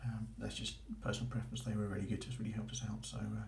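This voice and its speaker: A vlogger documenting a boating course gives a casual, approving walkthrough in a lowish, gravelly, slightly mellow voice. He races along with a completely flat delivery. The room is echoey, with faint noise.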